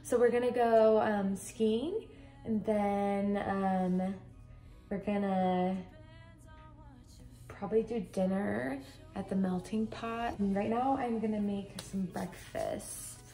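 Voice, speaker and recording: A woman's voice: medium pitch, steady tone, takes it slowly, mellow, faint music behind. A woman in her twenties chatting casually to a handheld camera in a vlog, bubbly and full of filler words. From USA. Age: 20s. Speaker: vlogger. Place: apartment, car and outdoors. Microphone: handheld phone or camera at arm's length.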